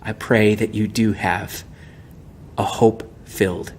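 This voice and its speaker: A male pastor giving a gentle, prayerful devotional message with frequent restarts. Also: fairly low pitch, fairly even intonation, slow pace, slight background noise. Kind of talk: devotional sermon.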